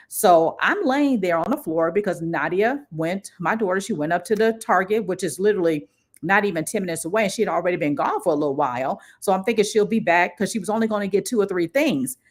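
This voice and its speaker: A middle-aged woman, the host of her own livestream, telling a personal story casually and acting out what people said. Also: on the low side. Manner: lively storyteller who acts out what people said. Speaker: livestream host and career coach.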